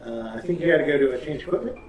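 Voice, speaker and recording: A talkative man with a high voice jokes around and explains game mechanics during a let's-play. He sits back from the mic in an echoey room, with a faint hiss under him. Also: animated, very fast, distant mic. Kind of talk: casual gaming commentary.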